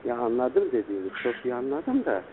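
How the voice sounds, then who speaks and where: A young man talks casually over a tinny, narrow phone line. His pitch moves around in a lively way, and his manner is deferential, as if answering an older friend. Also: a little fast, over a noisy crowd. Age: young adult. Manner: deferential, repeatedly addressing the listener as older brother. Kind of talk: informal phone conversation. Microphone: telephone. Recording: tinny, band-limited recorded phone call.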